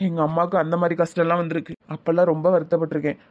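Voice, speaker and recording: A man's voice: fairly high pitch, monotone, rapid-fire, phone-quality sound, close to an everyday voice. A man voicing a troubled, jobless young man in a cartoon, with heavy, regretful talk in a Tirunelveli Tamil accent. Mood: hurt. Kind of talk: cartoon voice acting.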